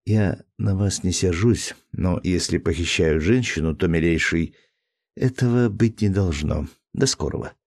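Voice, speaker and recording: A man's voice: sits low, a little slow, darkish tone, no echo. A man voicing a spirited young noblewoman in an audiobook, teasing in one scene and cold and firm in another. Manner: lightly mocking, then cold and firm.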